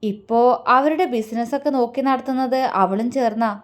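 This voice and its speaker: Casting: a gentle, quick-talking young man in a storybook romance, calm and teasing, read by a woman narrator. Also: fairly high pitch, lightly acted.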